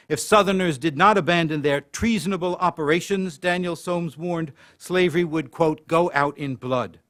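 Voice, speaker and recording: A man reading a prepared history lecture, leaning into quoted passages and slowing on key phrases, with occasional slips and restarts. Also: on the high side, a bit bright. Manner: reads quoted passages with stronger emphasis and slows on key phrases.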